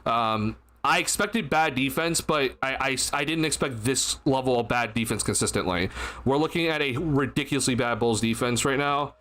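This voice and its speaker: With a medium-pitched, fairly bright voice at normal speed, this young man hosts a relaxed postgame sports livestream. Tired and slightly stuffy, he rambles into a desk mic at his streaming setup, full of fillers and restarts.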